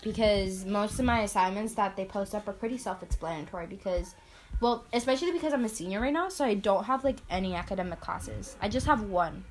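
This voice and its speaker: A woman's voice: medium pitch, lively intonation, fairly quick, slight background noise. A teenage girl co-hosting a casual podcast, telling stories with lots of "like", swearing and giggling. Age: late teens. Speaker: podcast co-host. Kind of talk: casual chat.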